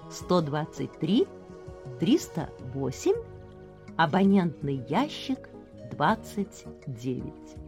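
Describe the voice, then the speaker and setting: A woman telling a legend to children, expressive and speaking straight to her young listeners. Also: medium pitch. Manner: expressive, addresses listeners directly. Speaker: children's storyteller. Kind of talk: storytelling for children.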